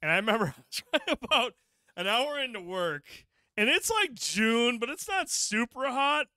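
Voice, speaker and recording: A man's voice: very high voice, normal speed, smooth, no echo, studio quality. A man hosting a podcast, telling stories in casual chat with lots of swearing and laughter. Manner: animated, swears freely, laughs often. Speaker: podcast host.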